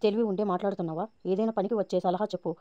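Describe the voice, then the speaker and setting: A woman's voice: mid-range voice, steady tone, rapid-fire, dark tone, no echo, muffled recording, lightly acted. A woman narrator reading the lines of a naive, pushy young woman. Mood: impatient. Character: naive pushy young woman chasing her sister's husband.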